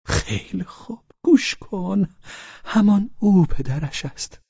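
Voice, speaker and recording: A man voicing a drunk, pleading middle-aged man with a high, wailing whine. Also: lively intonation, gravelly, a little mellow, breathy edge, no echo, muffled recording, exaggerated voice. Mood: sly.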